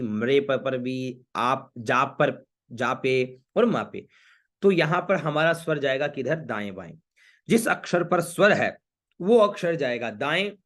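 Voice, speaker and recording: A man's voice: medium pitch, fairly bright tone. A man teaching an online class on reciting Vedic mantras. He spells out each word syllable by syllable and repeats it patiently for his students. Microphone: camera facing the viewer.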